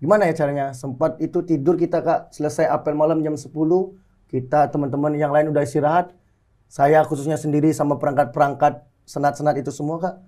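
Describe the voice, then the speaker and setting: A twenty-something man from Bali who serves as a soldier and competes in pencak silat responds earnestly to interview questions, politely slipping "Kak" into many phrases. His voice sits a little high, with a steady, dark tone and a quick pace.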